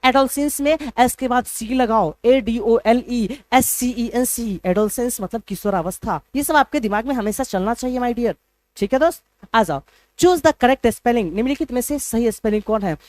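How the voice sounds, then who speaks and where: A man's voice: high voice, dry recording. A man teaching English in a live online class, playful and teasing, spelling words out letter by letter.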